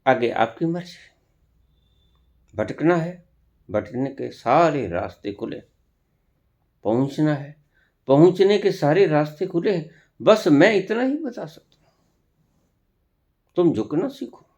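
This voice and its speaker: Slow, lively-toned spiritual teacher. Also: male voice, on the high side, muffled recording. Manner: slow, deliberate, with long pauses and scolding rhetorical questions. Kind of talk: spiritual discourse.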